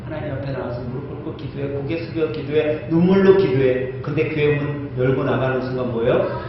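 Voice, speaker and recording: Male pastor, animated conversational sermon, heard from a distant mic with a dull sound. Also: on the high side, slight background noise. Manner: animated, conversational, asks the congregation questions. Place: church sanctuary. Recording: echoey church hall, distant mic, dull.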